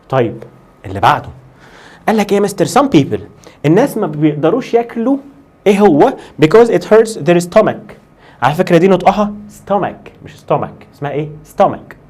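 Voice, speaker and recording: Fast-talking Egyptian Arabic English teacher. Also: male voice, a little high, darkish tone. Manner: switches between Arabic and slow, drilled English words; asks himself questions as a student. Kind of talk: lively classroom lesson.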